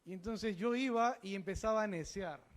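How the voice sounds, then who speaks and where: A man preaching a sermon, putting questions to the congregation and moving between hushed asides and raised, emphatic bursts. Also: high-pitched, normal speed. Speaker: pastor.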